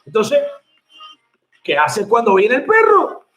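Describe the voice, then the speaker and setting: A man who works as a bartender, telling a story to his viewers in an animated, chatty way and laughing along. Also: high-pitched, slow. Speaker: bartender and online mixology teacher. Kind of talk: casual storytelling to camera.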